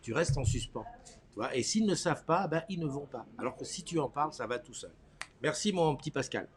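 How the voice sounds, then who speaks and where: A man's voice: fairly high pitch, animated, a little fast. A man hosting a live morning chat show from a cafeteria, joking and greeting viewers by name. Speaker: host. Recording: busy room with crowd chatter. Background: crowd chatter.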